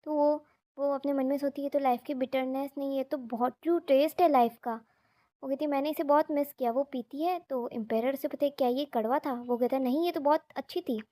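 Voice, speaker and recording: A woman's voice: high voice, steady tone, a little fast, warm tone, no room sound, studio quality. A woman casually retelling a manga story, chatty, mixing in English words and briefly speaking the characters' lines.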